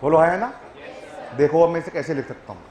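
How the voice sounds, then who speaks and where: A man's voice: on the high side, a little fast, a little mellow, reverberant, poor audio. A male teacher giving a classroom grammar lecture, who keeps checking whether his students follow and coaxes them along.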